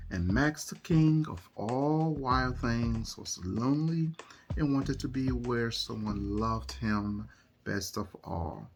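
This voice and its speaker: A woman reading a picture book to children at bedtime in an expressive, dramatic way, drawing out certain phrases. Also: very deep voice. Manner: dramatic, with emphasized words and drawn-out phrases. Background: music.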